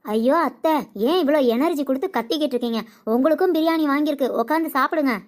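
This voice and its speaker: A woman's voice: high-pitched, fast talker, close to an everyday voice. A woman doing a cheeky teasing sister-in-law. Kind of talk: cartoon comedy voice acting.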